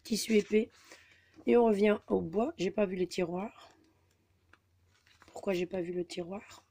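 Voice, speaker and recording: Woman vlogger, mellow and warm, chatty and halting, recorded on a camera mic at her table. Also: medium pitch, gravelly, breathy edge. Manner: chatty, hesitant, many fillers. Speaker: scrapbooking vlogger. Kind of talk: casual haul video.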